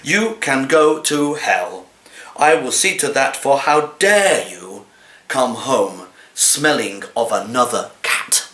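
An older actor, in his sixties, gives a deliberate and theatrical reading of funny poems while voicing a cat. His pitch is medium and his delivery expressive. The setting is a small living room at home, and the recording has a noticeable echo and sense of space.

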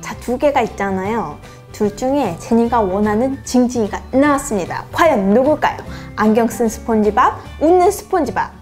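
A woman's voice: fairly high pitch, normal speed, soft background music. A young woman hosting a toy unboxing for children, calling herself by name, talking to viewers as her friends, and singing out playful cries for each reveal. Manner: sing-song reveal cries.

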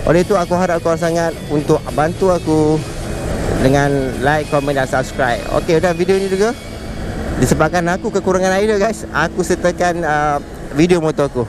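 A man's voice: a little high, a little fast, music in the background. A man with a Malaysian Malay accent vlogging casually while riding a motorcycle through traffic, chatty and often calling his viewers "guys". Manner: chatty, keeps calling viewers "guys", mixes in English words. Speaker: motovlogger. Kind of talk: casual riding vlog chat. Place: outdoors on a moving motorcycle in city traffic. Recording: wind and traffic noise.

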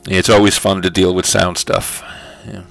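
Man, deep voice, gravelly, casual livestream host, chatty with fillers, faint music behind. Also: flat delivery, moderate pace, a bit bright. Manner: chatty, checks audio with viewers, frequent fillers. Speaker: livestream host running a writing sprint.

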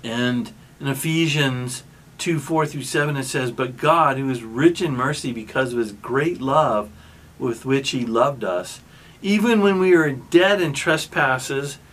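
A pastor delivers his sermon in an unhurried, conversational way, as if telling a story to friends. His voice sits at an ordinary middle pitch for a man, and he often restarts his sentences and pauses mid-thought. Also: a bit bright.

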